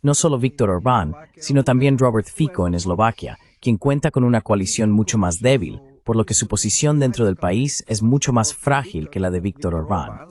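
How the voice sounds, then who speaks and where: A man provides a Spanish voice-over for interview answers, walking through political analysis deliberately in short, emphatic phrases. His pitch is fairly low, his intonation lively, and his tone darkish.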